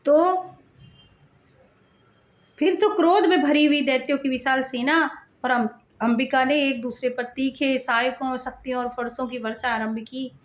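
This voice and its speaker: A woman's voice: sits high, steady tone, measured pace, roomy sound. A woman reciting a devotional scripture and explaining it in her own words, with frequent rhetorical asides.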